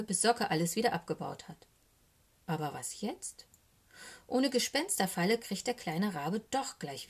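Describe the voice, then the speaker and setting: A woman reading a children's storybook aloud, expressively, sometimes dropping to a whisper for suspense. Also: on the low side. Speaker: narrator.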